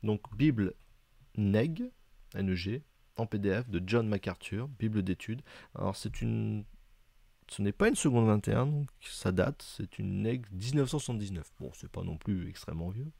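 Deep, gravelly man explaining haltingly. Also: lively intonation, mellow, no echo. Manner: hesitant, many fillers, chatty asides. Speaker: video presenter reviewing books. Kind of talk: casual explanatory review.

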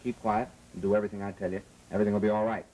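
Tough American gangster male actor, vintage 1930s film: rapid, snappy, threatening, slightly noisy track. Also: lowish voice, little pitch movement, dark tone, close to an everyday voice. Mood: menacing.

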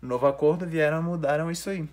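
A man's voice: a little high, fast, darkish tone. A young man, teaching a recorded online grammar review lesson and explaining step by step, sometimes restarting words.

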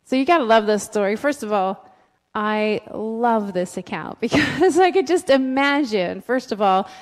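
Middle-aged woman preacher, talks with the congregation, slightly high voice, reverberant sanctuary. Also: expressive, a little slow. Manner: conversational, asks the congregation questions. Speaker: pastor. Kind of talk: sermon. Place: church sanctuary with a stage. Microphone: handheld mic, filmed from the back of the room. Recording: long reverb of a church hall.

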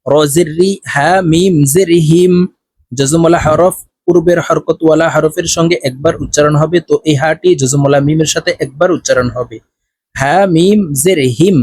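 A man teaching Quran reading, spelling out each letter and vowel, then reciting the words in a slow drawn-out chant between brisk explanations. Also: on the high side, a little mellow, breathy edge, no room sound.

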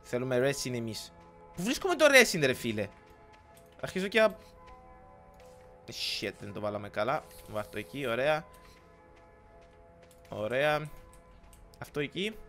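Excitable Cypriot Greek gamer man. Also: mid-range voice, long pauses, faint music behind. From Cyprus. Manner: excitable, rambling, mixes in English words, restarts often. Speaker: gaming YouTuber. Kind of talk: casual let's-play commentary.

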